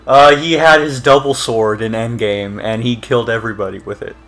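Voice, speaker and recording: A man's voice: medium pitch, fairly even intonation, a little fast, fairly bright tone, soft background music. A man co-hosting a casual video game stream, joking around and playfully arguing. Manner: jokey, playfully argumentative. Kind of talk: casual gaming stream banter.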